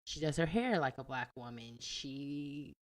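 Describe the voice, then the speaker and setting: Low-voiced sassy woman podcast co-host. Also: animated, measured pace. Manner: emphatic, sassy, addresses listeners as y'all. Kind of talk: casual podcast chat.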